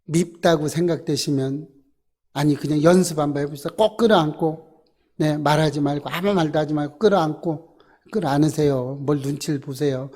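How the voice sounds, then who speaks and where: High-voiced Korean pastor preaching. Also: male voice, moderate pace. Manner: swings between loud exhortation and hushed, soft asides; repeats short commands to the congregation. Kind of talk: sermon. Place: church sanctuary.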